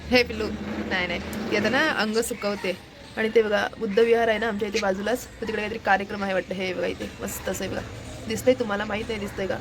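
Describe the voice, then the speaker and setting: A woman hosting a family vlog speaks quickly in a level, mid-range voice while background noise runs throughout. She carries her phone through the house indoors, chatting casually and steering viewers toward her activities.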